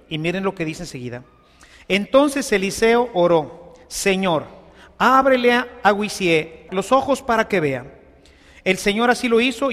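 A man's voice: high-pitched, a bit bright. A man preaching a sermon in a conversational way, often asking his listeners for agreement. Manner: conversational, asks the congregation for agreement. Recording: long reverb of a large hall.

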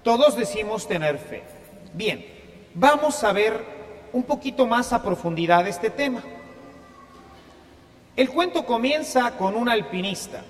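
Slow high-voiced priest. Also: male voice, lively intonation, long reverb tail. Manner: storytelling, asks the congregation questions. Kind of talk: sermon. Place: church.

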